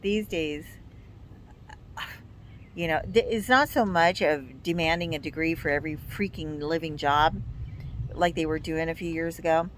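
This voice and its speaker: Co-hosting a vlog, a woman from the United States in her fifties chats casually and offers blunt, emphatic complaints. She speaks in a low voice at a moderate pace, pausing often, with a little background noise.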